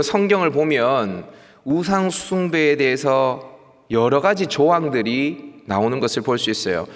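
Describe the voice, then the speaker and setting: A male youth pastor with a Gyeongsang accent delivers a sermon, animated and emphatic, repeating key words. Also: fairly high pitch. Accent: Gyeongsang Korean. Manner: animated preaching with emphatic repetition and asides. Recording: long church hall reverb.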